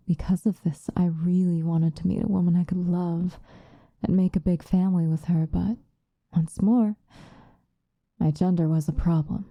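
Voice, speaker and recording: In an ASMR roleplay, a woman plays a dark, seductive vampire delivering an intimate, confessional monologue. Her lowish voice is soft and breathy, drifting into whispers at an unhurried pace. The close microphone gives a dry sound with no room noise.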